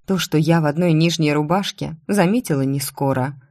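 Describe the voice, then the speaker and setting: A woman narrating a first-person fantasy audiobook in an expressive, dramatic reading. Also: deep voice, moderate pace, no echo, studio quality.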